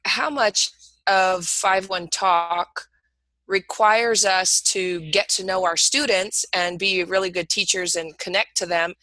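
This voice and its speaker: Bright-voiced woman with a dry sound. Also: lowish voice, no echo, rough recording. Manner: thoughtful, questioning. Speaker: online English teacher. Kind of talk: casual panel discussion.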